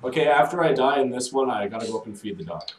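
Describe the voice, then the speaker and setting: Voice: medium pitch, lively intonation, fast talker, recorded from a distance, crowd noise. Teasing streamer in an echoey room. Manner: teasing, jokey. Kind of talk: casual gaming banter.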